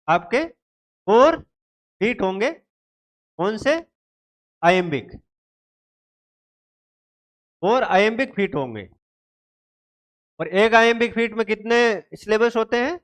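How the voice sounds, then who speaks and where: Smooth-voiced male teacher, slow. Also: high voice. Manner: asks the class questions and answers them himself, repeats key terms. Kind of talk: exam-prep literature lesson.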